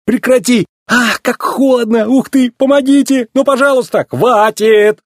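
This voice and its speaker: A cocky young race car, as a man acts him out, excitable and quick to yelp. The husky voice jumps high with lively swings. It is a dry, close storybook recording. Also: no echo, lightly acted. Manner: excitable, yelping when upset.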